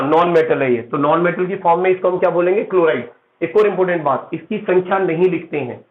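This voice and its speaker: A man teaching chemistry to a class, walking through each step and checking that his students are following. His voice sits a little high for a man. The sound is thin and phone-like, with a noticeable room echo. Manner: explains step by step with frequent "theek hai" check-ins; addresses students as "beta". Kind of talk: classroom lecture.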